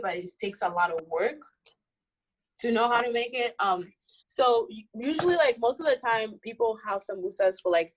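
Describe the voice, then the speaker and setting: A woman's voice: on the high side, rough recording. Chatty young woman from the Congo. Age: young adult. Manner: chatty, with many "like" and "um" fillers. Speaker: cooking guest. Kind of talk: casual cooking demonstration.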